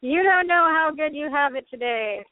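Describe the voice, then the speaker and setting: A woman's voice: high voice, lively intonation, normal speed, dry recording. A woman in her thirties, co-hosting a casual chat, talking in a rambling way with restarts. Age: 30s. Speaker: podcast co-host. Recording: tinny phone-like line.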